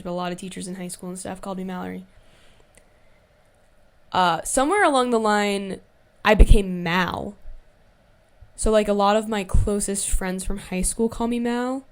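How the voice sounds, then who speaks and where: A young woman hosts her podcast alone and tells a relaxed story. She talks in a chatty, meandering way, with plenty of "like" fillers and self-corrections. Her voice sits at an ordinary middle pitch. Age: young adult. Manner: chatty, heavy use of "like" fillers, quick asides and self-corrections. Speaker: podcast host. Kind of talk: casual solo storytime chat.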